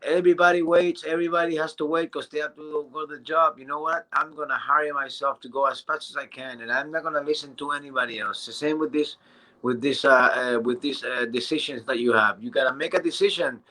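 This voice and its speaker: Eager, halting man in his thirties. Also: on the high side, rough recording. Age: 30s. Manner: excited and halting, with many restarts and fillers. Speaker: business testimonial speaker. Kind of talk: casual motivational testimonial.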